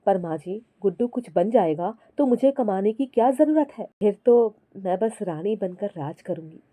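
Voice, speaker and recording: A woman voicing a hardworking, devoted mother who speaks quietly and softly. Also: medium pitch, lively intonation, normal speed, no room sound, lightly acted. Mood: gentle. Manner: quiet, soft-spoken.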